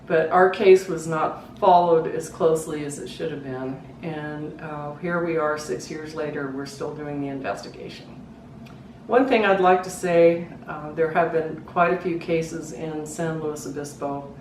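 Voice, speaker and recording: A middle-aged woman speaks in an earnest, halting way, telling her story as a grieving mother. Her voice sits somewhat low and sounds roomy, as if caught from across the room. A faint hiss runs underneath. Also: steady tone, darkish tone. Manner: earnest, halting, voice rising and breaking when distressed. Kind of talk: emotional personal testimony. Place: living room at home. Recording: roomy, distant mic, faint background hiss.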